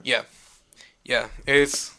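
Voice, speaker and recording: Bright-voiced man rambling about music. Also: mid-range voice, fairly even intonation, drawn-out words, vocal fry. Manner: rambling, many fillers and restarts. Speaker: podcast co-host. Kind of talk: casual music chat.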